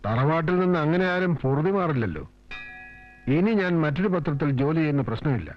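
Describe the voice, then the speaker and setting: An actor playing a proud, wounded older newspaper editor and father, speaking in a dignified, measured way. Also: fairly high pitch, very animated. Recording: dull film soundtrack with soft music.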